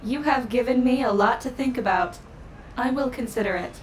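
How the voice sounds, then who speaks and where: A woman voicing a polite, programmed female mall AI assistant in an audio drama, speaking in a too-smooth, calm customer-service manner. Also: on the high side, moderate pace, slight background noise, lightly acted, rough recording. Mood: hesitant.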